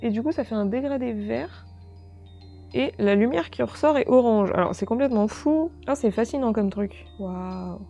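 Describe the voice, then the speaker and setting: A woman's voice: on the high side, moderate pace, vocal fry, warm tone, lo-fi sound, soft background music. A woman chatting casually through an unboxing video, easily delighted and gushing over small items. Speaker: unboxing vlogger.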